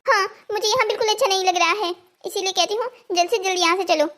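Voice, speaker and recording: A woman's voice: very high voice, quick pace, a bit bright. Woman voicing a bewildered young cartoon bride. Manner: indignant, bewildered. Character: young woman of 21, confused and stubborn. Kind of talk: cartoon story dubbing.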